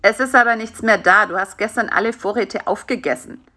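A woman voicing a greedy, grumbling male spider in a children's audiobook, talking in a low, sulky tone. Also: a little fast, pushed and bright. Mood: matter-of-fact.

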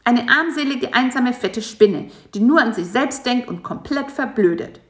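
A woman doing a shrill, whiny little bug. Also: expressive, normal speed, fairly bright tone. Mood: furious. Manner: whining, nagging, shrill. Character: whiny restless little male insect. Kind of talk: storybook voice acting. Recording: echoey room.

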